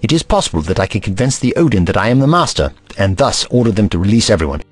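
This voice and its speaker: A man's voice: lowish voice, big pitch swings, fast talker, no echo, faint music behind. A man playing a clever, earnest alien Time Lord hero in an audio drama, with precise, theatrical, formal diction. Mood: confident.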